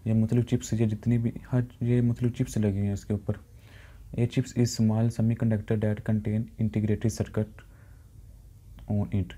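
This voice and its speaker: A man with a Pakistani Urdu accent teaching computer science in a recorded lecture, explaining in plain speech and reading English definitions slowly. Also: fairly low pitch, mellow. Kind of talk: recorded lecture over slides.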